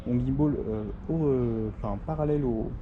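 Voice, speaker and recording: A man's voice: medium pitch, normal speed, narrow, tinny audio, noisy background. A young man casually demonstrating a gimbal, rambling with many fillers and restarts, outdoors in a small courtyard. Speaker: tech vlogger reviewing a gimbal. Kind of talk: casual demo talk.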